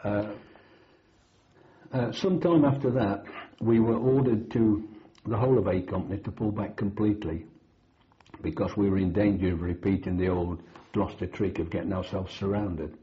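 An older British man, a former soldier, remembers his war service in a measured, matter-of-fact interview manner with dry understatement. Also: fairly low pitch. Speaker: army veteran, former platoon sergeant. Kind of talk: old veteran remembering, oral history interview. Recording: dull, lo-fi interview recording.

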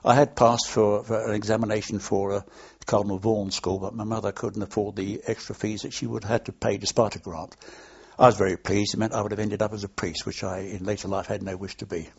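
Here the same kind of speaker, an older man from London giving an oral history interview, wanders through his memories unscripted, full of anecdotes and hesitations. His low, creaky, slightly rough voice stays fairly flat in pitch and moves at a quick pace. The audio sounds dull.

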